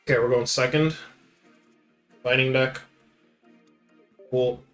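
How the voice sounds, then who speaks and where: A young man giving live commentary on his card game, muttering one moment and yelling taunts the next, repeating his hype lines. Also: mid-range voice, steady tone, slow, soft background music. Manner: hype, repeats taunting phrases, swings from quiet muttering to shouting. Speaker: gaming channel host. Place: home gaming setup with monitor.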